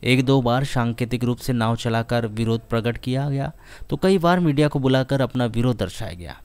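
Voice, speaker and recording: A man reading a scripted local news report as voice-over in a formal, even manner. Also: medium pitch, normal speed.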